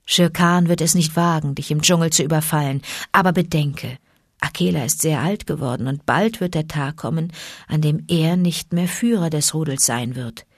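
Wise protective panther, low and hushed, read by a woman; dry close sound. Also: moderate pace, dry recording. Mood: confiding. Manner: calm, low and confiding, urgent at times. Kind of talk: audiobook character reading.

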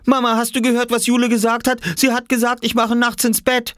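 A man voicing a hot-tempered, jealous young boy who bursts out in shrill, indignant protests, in a storybook reading. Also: completely flat delivery, brisk, fairly bright tone, no echo, studio quality.

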